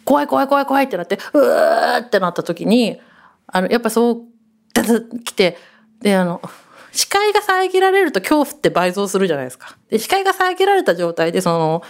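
A woman hosting a radio show, telling rambling stories in a chatty, animated way. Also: medium pitch. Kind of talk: casual radio chat.

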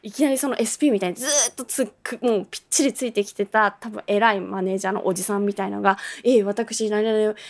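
A woman's voice: medium pitch, rapid-fire, few pauses. A woman in her thirties hosting, casually telling a story, laughing often and acting out the people in it. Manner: lively, laughs often, acts out quoted people. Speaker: host.

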